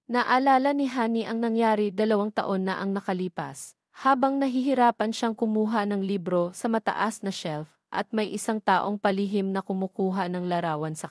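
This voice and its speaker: A woman's voice: mid-range voice, a little mellow, no room sound, studio quality. A woman with a Filipino accent reading a scripted romance story as its narrator.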